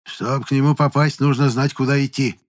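Man doing a sharp old fortune-teller woman, raised voice, probing, commanding, storybook crone. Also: mid-range voice, level tone, moderate pace, voice pushed up, close to an everyday voice. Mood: insistent.

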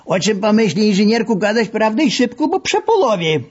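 A boisterous old masseur with a barks his playful threats in a raised, husky voice, as a man puts him on. The storybook figure is cheeky and rowdy. The sound is dull and lo-fi. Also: sits high, sing-song, brisk, voice pushed up, full character voice. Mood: mock-threatening. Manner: teasing, threatening in jest. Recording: dull lo-fi recording.

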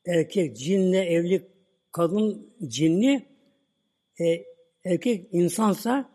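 A male preacher retelling a story at a relaxed pace and tagging lines with the same filler word as he goes. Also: high voice. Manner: relaxed retelling, "böyle" at line ends. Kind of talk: religious talk with storytelling. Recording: long hall reverb.

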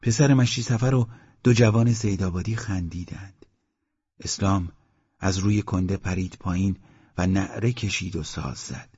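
A man reads a literary story in a calm, measured style, his voice low and husky. The recording is dull and lo-fi. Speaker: audiobook narrator. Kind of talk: scripted literary narration.

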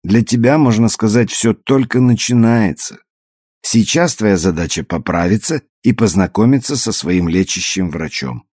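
A man reading an audiobook, voicing a brisk, caring young woman who teases and reassures. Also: on the low side, lively intonation, a little mellow, husky, dry recording, studio quality, pitched above the performer's own voice. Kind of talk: audiobook character voice.

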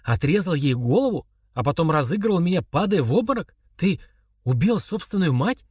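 A man voicing a shocked, furious middle-aged father with a crackly, hoarse voice. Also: on the high side, very animated, a little fast, dry recording, clean studio sound, pitched above the performer's own voice.

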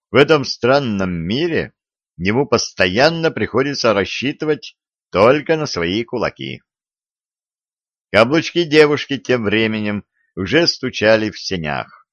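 A man reading an audiobook in a measured, unhurried manner. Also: mid-range voice, a bit bright, dry recording, lo-fi sound. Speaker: audiobook narrator. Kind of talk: audiobook narration.

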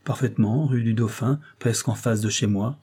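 A man's voice: lowish voice, fairly even intonation, normal speed, dark tone, breathy edge. A man voicing a frightened older male nobleman who pleads in an agitated way. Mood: anxious.

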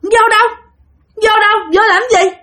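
A woman's voice: sits high, very animated, moderate pace, fairly bright tone, voice pushed up. A woman voicing a sulky, defiant teenage girl who refuses, with a Southern Vietnamese accent.

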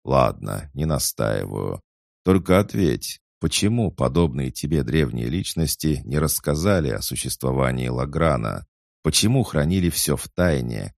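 A man's voice: a bass voice, lively intonation, moderate pace, vocal fry, darkish tone, no room sound, studio quality, exaggerated voice. A man voicing a wary male warrior in an audiobook, asking curt, suspicious questions. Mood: insistent. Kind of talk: audiobook character reading.

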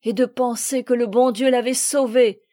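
A woman reading the lines of an emotional, rough sailor in a storybook, with a bright voice in a dry room. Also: on the high side, unhurried, no echo. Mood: effusive. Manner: effusive, exclaiming. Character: sailor, middle-aged man, rough, emotional.

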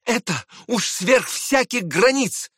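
A man's voice: very high-pitched, slow pace, slightly rough, dry recording, clean studio sound, voice pushed up, exaggerated voice. A man reading aloud and voicing a proud, hot-tempered young man who argues with indignant urgency. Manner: excited, indignant pleading.

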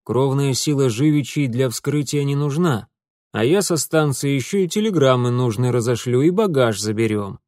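A man's voice: medium pitch, expressive, moderate pace, darkish tone, no echo, clean studio sound, lightly acted. Reader as a wry middle-aged detective father. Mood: businesslike. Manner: wry, businesslike.

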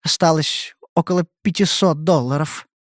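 A man reading an audiobook, voicing a frightened young woman who pleads in a soft, trembling way. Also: fairly high pitch, normal speed, dry recording, studio quality, pitched above the performer's own voice, lightly acted. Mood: meek.

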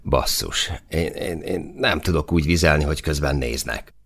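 A man voicing a crude, impatient male soldier who swears bluntly. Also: rumbling low. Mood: gruff.

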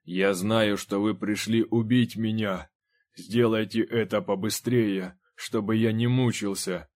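A man reading an audiobook, voicing a terrified, paranoid middle-aged man who wheezes out slow, hoarse lines. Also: on the low side, steady tone, darkish tone, lightly acted. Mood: despairing. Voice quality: hoarse, drawn-out.

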